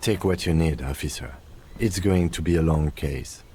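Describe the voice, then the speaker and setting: A man's voice: very deep voice, moderate pace, dark tone, slight background noise, voice pushed up. A man voicing a police car that speaks in a terse, matter-of-fact way.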